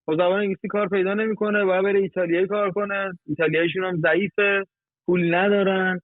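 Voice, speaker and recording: A man, a guest in a casual chat, explaining things chattily with rough numbers and everyday examples. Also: high-pitched, little pitch movement, no echo. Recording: tinny phone-like line.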